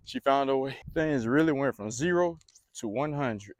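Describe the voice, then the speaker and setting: An excitable man narrates his own fishing outdoors by a pond. He is out of breath and keeps exclaiming, talking straight to the camera. There is a faint hiss of noise behind him. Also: medium pitch, normal speed. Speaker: fishing vlogger.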